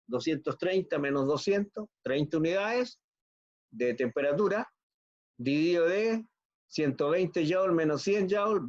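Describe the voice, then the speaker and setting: A man with a Chilean accent giving a university engineering lecture, explaining step by step, working through numbers aloud and often checking that students follow. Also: on the high side. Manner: explanatory, works sums aloud, frequent check-ins. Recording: dull lo-fi online class audio.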